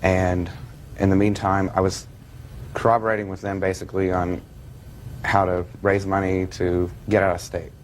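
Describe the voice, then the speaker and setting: Low, flat-voiced American teenage male. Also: normal speed, slight background noise. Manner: hesitant, polite. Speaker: young plaintiff. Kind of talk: courtroom testimony.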